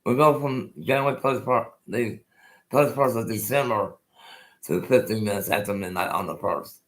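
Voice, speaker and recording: On a low-quality recording, a toothless sixty-something from Colorado rambles through casual chat on the live stream he hosts, often repeating himself and starting over, so his words are unclear at times. His voice sits lowish and moves at a moderate pace.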